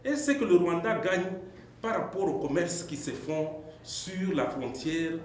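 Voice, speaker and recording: A man's voice: a little high, expressive, unhurried. A man from the audience raising observations at a press conference, telling an example in an earnest, emphatic way. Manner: earnest, storytelling, rising with emphasis. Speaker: audience member asking a question. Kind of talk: long question from the floor. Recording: very echoey hall with faint noise.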